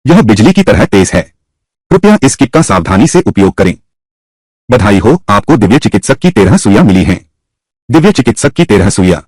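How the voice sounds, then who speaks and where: A man voicing a Hindi dub of a short drama with a husky, theatrical delivery. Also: fairly low pitch, big pitch swings, brisk, a little mellow, no room sound. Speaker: dub voice actor.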